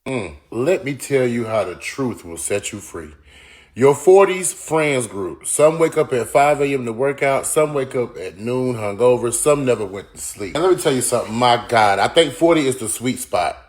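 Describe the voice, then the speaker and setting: A man in his forties at a middle pitch, delivering an emphatic, preachy monologue in an online clip. He builds his points with emphasis and swears freely along the way. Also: lively intonation, normal speed. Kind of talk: social media monologue.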